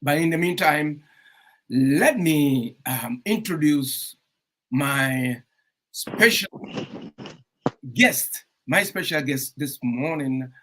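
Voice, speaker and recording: A man with a slightly husky, higher voice hosts a casual talk radio show. He talks in an animated way and pauses often on fillers while welcoming listeners. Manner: animated, warm welcomes, frequent um fillers and laughs. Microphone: streamed studio mic.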